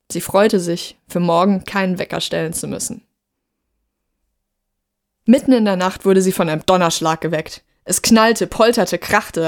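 A woman narrating a story in a steady, measured reading voice. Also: fairly low pitch.

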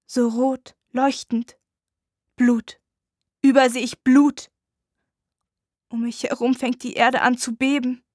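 A woman narrates a dramatic audiobook in a slow, hushed, intense reading. Her voice is high and bright. The recording is close and dry, with no room sound. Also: no echo.

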